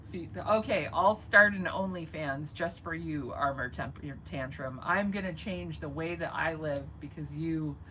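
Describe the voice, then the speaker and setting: A woman's voice: sits low, takes it slowly, bright, forceful tone, slight background noise, rough recording. A woman in her forties talking in a rambling, chatty live-stream monologue, swearing casually and laughing often. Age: 40s. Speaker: vlogger.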